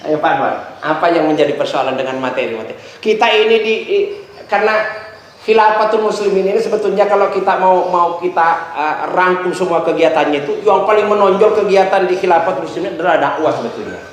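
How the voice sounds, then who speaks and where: A middle-aged man, teaching preaching in a casual, joking lecture and acting out examples with his voice. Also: fast. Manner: chatty, joking, acts out examples with shifting pitch. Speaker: ustadz teaching a class on preaching. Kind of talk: casual lecture with jokes and asides. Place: large echoey hall. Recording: very echoey room recording, faint noise.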